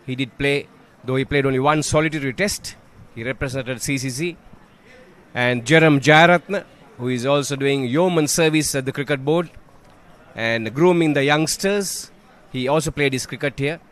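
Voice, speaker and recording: A man's voice: medium pitch, moderate pace, a bit bright. A man doing live cricket commentary, chatting to viewers about the match and venue.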